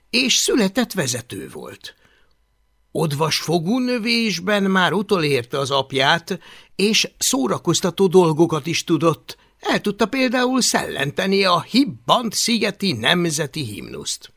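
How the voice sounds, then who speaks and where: A man narrating an audiobook in an expressive storytelling manner. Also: on the high side, creaky. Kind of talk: scripted narration.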